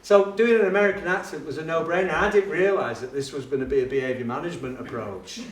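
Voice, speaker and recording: A middle-aged man, telling lively, self-mocking teaching stories to a live audience. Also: fairly high pitch, fast talker. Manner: lively, self-mocking, acts out the voices in his story. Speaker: teacher and education speaker. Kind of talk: anecdotal storytelling to a live audience. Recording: echoey room, voice picked up from a distance.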